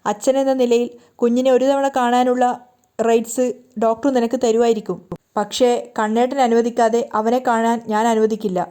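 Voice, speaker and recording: A protective young woman talks back firmly and sharply, read by a woman narrator. The voice is raised and mellow, in a plain story-recap reading. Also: on the high side, flat delivery, moderate pace, smooth, lightly acted.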